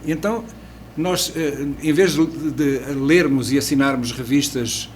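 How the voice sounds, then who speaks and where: Chatting casually on a podcast, a man in his sixties from Portugal shares his life story with a European Portuguese accent, stumbling into restarts and hesitant fillers. His voice is medium-pitched and measured in pace, with a little hiss or hum.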